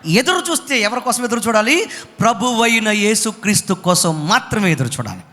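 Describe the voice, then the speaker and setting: Emphatic high-voiced preacher in a reverberant hall. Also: male voice, animated, brisk, bright, forceful tone. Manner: emphatic preaching with repeated calls to the congregation. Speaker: pastor. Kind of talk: sermon. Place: church hall with congregation.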